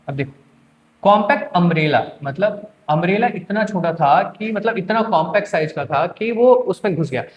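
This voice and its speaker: A young man with a somewhat high voice gives an exam-prep English lesson. His is clear as he keeps quizzing students with rhetorical questions and answering them himself. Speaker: English teacher.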